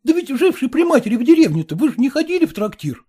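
A man's voice: extremely high pitch, sing-song, quick pace, dark tone, breathy edge, pitched above the performer's own voice, exaggerated voice. A man reading aloud, voicing an earnest, jealous and self-satisfied male suitor who pleads fervently. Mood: pleading.

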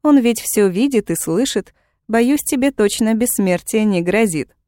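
A woman's voice: a little high, lively intonation, unhurried, warm tone, dry recording, studio quality. A woman voicing a defiant young witch in chains, speaking with cool, mocking sarcasm. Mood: sarcastic.

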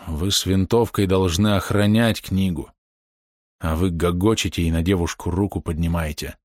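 A man voicing a dignified old man who speaks in a grave, reproachful, measured way. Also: fairly low pitch, expressive, a little mellow, no room sound, clean studio sound.

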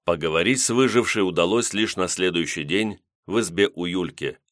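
A man narrating an audiobook in a measured storytelling manner. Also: sits low, fairly bright tone, dry recording, studio quality.

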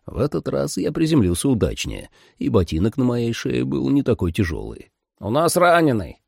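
A man narrates a first-person action audiobook with dramatic flair. His voice is low, dark and gravelly with a husky edge. The pitch swings widely as he tells it. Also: huge pitch swings, normal speed, no room sound, studio quality. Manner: dramatic, voices every character.

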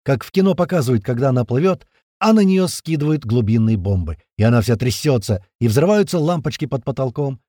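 A man narrating a first-person audiobook in a colloquial, rough-spoken, vivid way. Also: medium pitch, animated, a little fast, dark tone, dry recording, studio quality.

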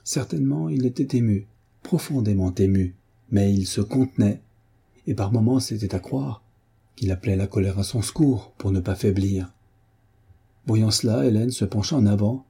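A man narrating a classic novel in a measured, steady storytelling manner. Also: lowish voice, vocal fry, husky. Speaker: audiobook reader. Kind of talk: literary narration.

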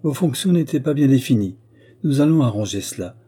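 A man reading the lines of a calm, kindly and authoritative old prince in an audiobook, speaking evenly and quietly commanding. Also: mid-range voice, brisk, slightly rough, pitched above the performer's own voice. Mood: calm authority. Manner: even, quietly commanding delivery.

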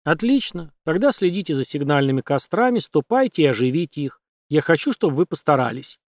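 A man's voice: on the high side, very animated, a little fast, darkish tone, dry recording, clean studio sound. A man voicing a tense, commanding male sorcerer in an audiobook.

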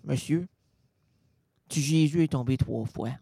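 A man with a Quebec French accent delivering a rambling, absurd comic monologue on radio, swinging between loud outbursts and mutters. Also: on the high side, unhurried, creaky, breathy edge, no echo. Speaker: radio comedian. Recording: dry radio studio.

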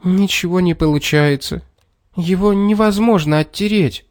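A man voicing an earnest, tender young girl in a high eager voice. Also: normal speed, darkish tone, lightly acted. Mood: dejected.

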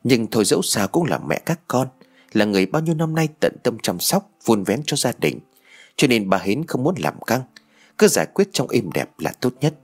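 A man narrating an audio story in an expressive storytelling manner. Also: mid-range voice, normal speed, husky.

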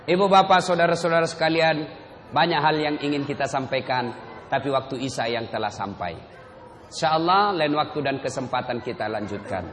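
High-pitched animated preacher man. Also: moderate pace. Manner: animated storytelling, swings between loud exclamations and quiet low asides. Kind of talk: sermon. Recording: reverberant hall with faint ambient noise.

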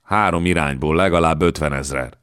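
A man's voice: rumbling low, a bit bright, clean tone, no room sound, studio quality. A man voicing an earnest young soldier who is out of breath and urgent.

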